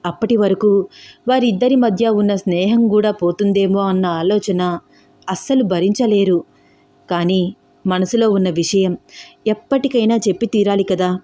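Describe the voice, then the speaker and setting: A woman voicing a calm young man in a storybook romance, reasoning patiently and persuasively. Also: medium pitch, a little slow, natural voice. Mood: earnest.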